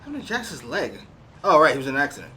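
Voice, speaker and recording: A man's voice: fairly high pitch, huge pitch swings, quick pace, background noise. A man hosting a reaction video, talking casually and with animation, swearing and exclaiming at the show.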